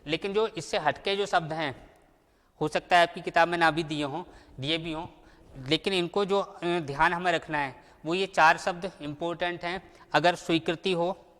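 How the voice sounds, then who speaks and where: A man teaching a grammar lesson, who asks questions and answers them himself and slowly repeats the key words. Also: a little high, fairly even intonation, fairly bright tone, in a large hall.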